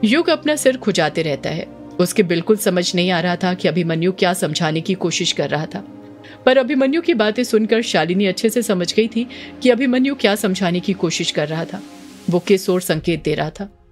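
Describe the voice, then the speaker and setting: A woman storyteller in steady scripted narration of a serialized horror story. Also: lowish voice, normal speed, soft background music.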